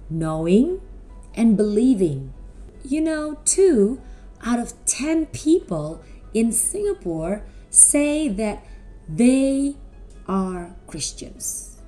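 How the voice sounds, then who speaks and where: Slow, lively woman kids show host. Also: medium pitch. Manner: animated, simple questions and drawn-out words for children. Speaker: children's presenter at a school Christmas service.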